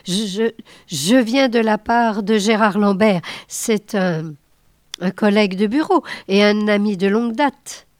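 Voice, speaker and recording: A woman's voice: mid-range voice, measured pace, dry recording, studio quality, lightly acted. A woman reading aloud voices a nervous, paunchy man in his fifties who stammers bashfully. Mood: flustered. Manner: stammering, flustered.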